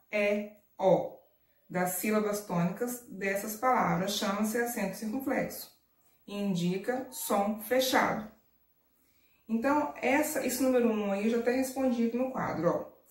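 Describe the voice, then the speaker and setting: A patient woman teacher talks through a lesson for young children, drawing out words to show where the stress falls. She sits a little away from the microphone. The room around her rings with echo. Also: mid-range voice. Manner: patient, drawn-out word stress, frequent "tá?" and "ó". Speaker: primary school teacher. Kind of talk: recorded remote lesson. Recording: echoey room, distant mic.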